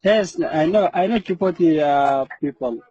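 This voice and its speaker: A man's voice: a little high, mellow, slightly rough, no echo. Shy man on muffled call audio. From Sudan. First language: Arabic. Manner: hesitant, shy, halting. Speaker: guest on a live stream. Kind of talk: casual live-stream chat.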